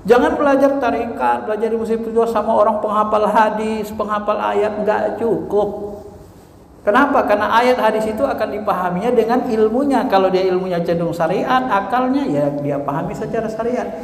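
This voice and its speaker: A man preaching a religious lecture in an animated way, posing rhetorical questions and answering them himself. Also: high-pitched, brisk. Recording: echoey hall reverb.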